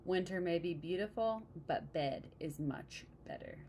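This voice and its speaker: A woman's voice: lowish voice, a little slow, a little mellow, slight background noise. A woman voicing a grumpy, reluctant male toad in a storybook, with a blunt, grumbling way of protesting. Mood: sulky. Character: grumpy, reluctant male toad who loves his bed.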